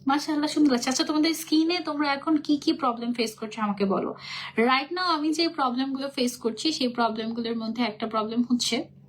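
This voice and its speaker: Chatty high-voiced young woman live streaming. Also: quick pace. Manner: chatty, reads viewer comments aloud, mixes English words in. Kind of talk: casual chat on a live stream. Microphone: phone, no external mic.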